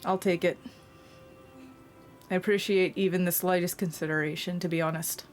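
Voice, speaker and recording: A woman's voice: on the low side, steady tone, moderate pace, soft background music. A woman running a tabletop game as game master, narrating scenes and explaining rules casually.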